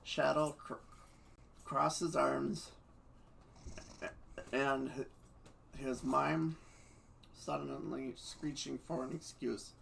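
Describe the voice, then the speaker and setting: A man's voice: medium pitch, little pitch movement, slow, vocal fry, pauses often, a bit bright, a little hiss or hum. A man reading fanfiction aloud, stumbling and stuttering over words and laughing between lines. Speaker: fanfiction reader.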